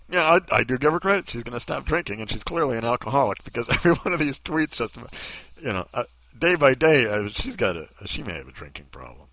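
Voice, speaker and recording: Male podcast host, sardonic, joking, very animated pitch, bright tone, dry sound. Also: dry recording. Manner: sardonic, joking, self-mocking. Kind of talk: casual podcast commentary.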